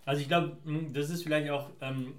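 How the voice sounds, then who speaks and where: An Afghan founder being interviewed answers in long, winding, reflective sentences. His voice is a little high with fairly even intonation, and he speaks fairly quickly in a room with noticeable echo.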